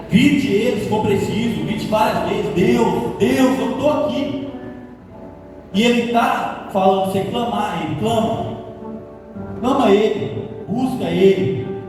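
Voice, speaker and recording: A young man giving a nervous, earnest youth testimony in church, pleading and halting with restarts. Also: high voice, warm tone. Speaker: youth speaker. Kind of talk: nervous personal testimony sermon. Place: church hall. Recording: echoey hall, mic from far off.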